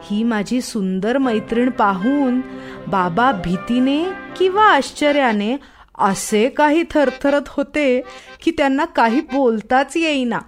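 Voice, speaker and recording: Woman reading a kids story, high voice, slow and expressive, soft music under it. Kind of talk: children's story narration.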